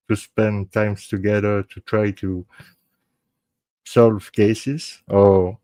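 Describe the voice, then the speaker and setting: This casual live-stream farewell comes from a Belgian true crime host, a native French speaker, whose voice is fairly low and darkish with no room sound. His earnest, halting delivery features frequent restarts and slips into French.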